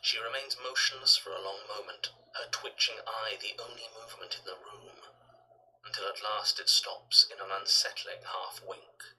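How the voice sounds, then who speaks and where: A man voicing an ominous video game storyteller, measured and theatrical as he narrates grisly scenes. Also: on the low side, pushed and bright, rough recording. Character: ominous male storyteller narrating grisly events in second person.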